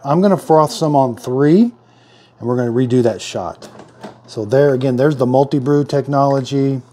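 A man's voice: medium pitch, warm tone, a little hiss or hum. A middle-aged man giving a casual hands-on product demo in his home kitchen, thinking aloud in a plain-spoken way as he works. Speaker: product reviewer.

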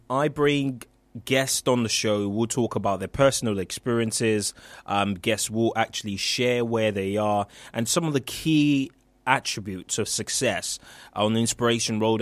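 A man's voice: fairly low pitch, no room sound. A young man who grew up in Nigeria, hosting a motivational radio talk show in an earnest manner with frequent fillers. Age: young adult. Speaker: radio host.

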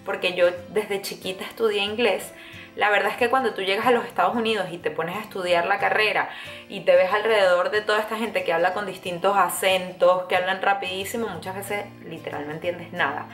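A young woman from Venezuela with a Venezuelan accent, telling a casual story to camera in a chatty, animated way with many fillers and restarts. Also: mid-range voice, brisk. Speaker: vlogger. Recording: echoey room, faint music behind.

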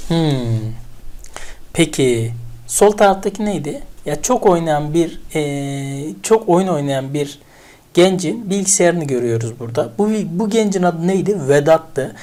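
In an unhurried, medium-pitched voice, a teacher leads an online English vocabulary lesson in a lively, talkative way, posing questions to themselves out loud as they remember mnemonic tricks.

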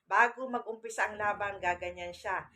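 A bright-voiced woman talking straight to her camera at home. She chats in a loose, rambling way, keeps calling her viewers "guys" and often breaks off to restart a sentence. Her pitch sits in the middle of the range. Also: fairly even intonation, normal speed, a little hiss or hum. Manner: chatty, says "guys" often, many restarts. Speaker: vlogger on amulets and folk spirituality. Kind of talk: casual talk to camera.

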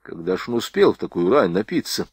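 Male narrator as composed captain, measured orders, dry sound. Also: lowish voice, big pitch swings, breathy edge, no echo, exaggerated voice. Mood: commanding.

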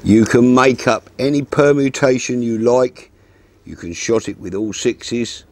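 A man in his sixties calmly explaining a fishing setup step by step, seated outdoors at a garden table and talking into a lapel mic. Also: medium pitch, measured pace. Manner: calm, methodical, practical explanations. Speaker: fishing instructor. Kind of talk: step-by-step tutorial.

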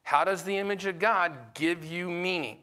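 Pastor, man, Sunday school teacher; conversational, peppers the room with questions; forceful tone. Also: high voice, fairly even intonation, normal speed, clear, resonant tone. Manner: questions the class often; conversational, with fillers.

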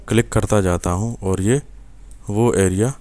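A young Pakistani man with an Urdu accent gives a patient, step-by-step screen-recorded software lesson at his computer, often checking in with the viewer. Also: fairly low pitch, steady tone, no room sound. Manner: patient, step-by-step, many fillers and "ٹھیک ہے" checks. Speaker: software instructor.

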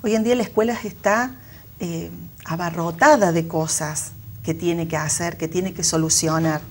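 A woman's voice: on the low side, steady tone, normal speed, a little mellow, a little hiss or hum. A woman with an Argentine accent, a school director, giving thoughtful interview answers full of fillers and restarts. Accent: Argentine Spanish.

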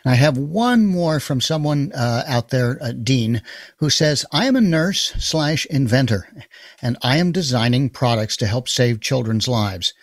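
Male interviewer, husky and lively, relaying audience questions. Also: medium pitch, measured pace, no room sound, clean studio sound.

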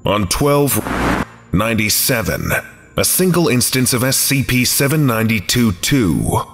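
A man reading an archive file as scripted narration, measured and documentary. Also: mid-range voice, very animated, big-room sound, noisy background.

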